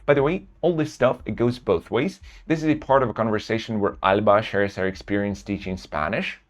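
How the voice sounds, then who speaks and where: A man's voice: fairly low pitch, brisk. A man narrating an explanatory pronunciation lesson as its presenter.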